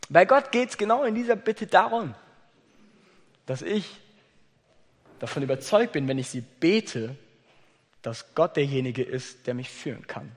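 A man preaching a sermon, chatty and lively, talking straight to the congregation and reading a story aloud. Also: fairly high pitch, unhurried, long pauses, long reverb tail. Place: church.

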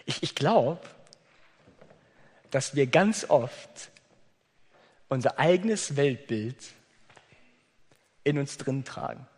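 A man preaching a sermon, chatty and lively, talking straight to the congregation and reading a story aloud. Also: medium pitch, extremely slow, long pauses, long reverb tail. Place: church.

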